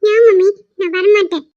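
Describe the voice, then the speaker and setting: A woman's voice: very high-pitched, a little slow, dark tone, no room sound, highs cut off. A woman voicing a stubborn, giggling little boy in a cartoon. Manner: giggling, whiny.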